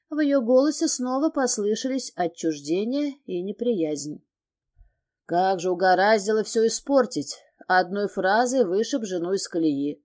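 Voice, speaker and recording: A woman reads a novel aloud in a measured, steady storytelling voice. Her tone is mellow and soft, at an ordinary middle pitch for a woman. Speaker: audiobook narrator. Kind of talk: scripted audiobook narration.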